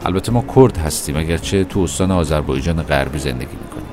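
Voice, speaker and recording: A man voicing a lanky young male conscript, just out of school, who speaks quietly and dryly. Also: extremely low pitch, music in the background.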